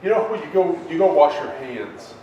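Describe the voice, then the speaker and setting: Guest comic, a man in his forties, profane and rambling; slightly higher voice, heard from afar in a very echoey room with faint noise. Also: animated, normal speed, dark tone, distant mic, lo-fi sound. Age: 40s. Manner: rambling, swears constantly, trails off with fillers. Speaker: open mic comedian guest. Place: record store.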